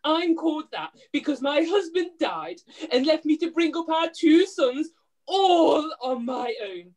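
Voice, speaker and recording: A woman playing high, swooping Widow Twankey, pantomime dame. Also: lively intonation, a little slow, darkish tone. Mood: plaintive, showy. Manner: exaggerated, plaintive, addressing the audience. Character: downtrodden, blustering widowed laundry mother, pantomime dame. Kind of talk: hammy pantomime acting. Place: room at home, video call.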